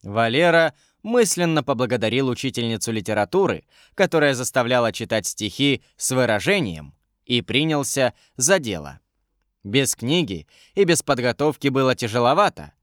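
A male narrator reads a fantasy story, his mid-range voice moving freely in pitch. The sound is dry and close to the mic. He tells the story in an expressive, even way. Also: normal speed, no echo. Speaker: audiobook narrator. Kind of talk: scripted narration.

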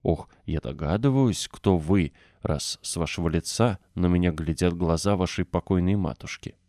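A man voicing a gruff old male gardener with a hoarse, wheezy voice. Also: low-pitched, moderate pace, warm tone, no echo, studio quality. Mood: astonished.

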